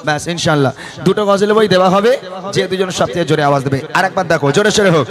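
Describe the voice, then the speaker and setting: Hoarse man teasing a crowd. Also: high voice, very fast. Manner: teasing, coaxing, urging the crowd to shout. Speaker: gojol singer addressing a crowd. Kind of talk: live crowd call-and-response. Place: outdoor religious gathering with stage. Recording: live with loud music behind.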